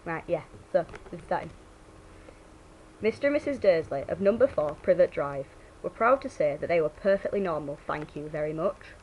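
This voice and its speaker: A woman's voice: low voice, lively intonation, normal speed, lo-fi sound, slight background noise. A woman with a Yorkshire accent, speaking informally as she gives a read-aloud sample of her accent. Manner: informal, drops the word "the". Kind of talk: reading a book aloud as an accent sample, with casual asides.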